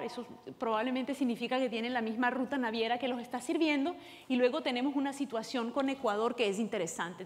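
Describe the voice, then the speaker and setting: A woman from Venezuela presenting at a conference panel, explaining with frequent fillers and a hurried, explanatory manner. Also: sits high, long reverb tail. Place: large conference hall.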